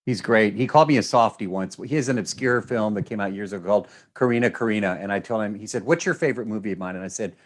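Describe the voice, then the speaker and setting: A man interviewing in a chatty, effusive and energetic way, with choppy bursts of questions. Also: on the low side. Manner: effusive, energetic, choppy fast-starting delivery. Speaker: entertainment interviewer.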